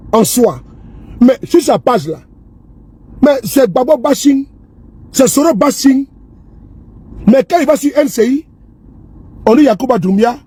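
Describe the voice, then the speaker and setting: A man's voice: high-pitched, mellow, husky. A man giving casual, scornful political commentary to camera, repeating himself and asking viewers if they see. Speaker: political vlogger. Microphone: phone or camera he handles himself.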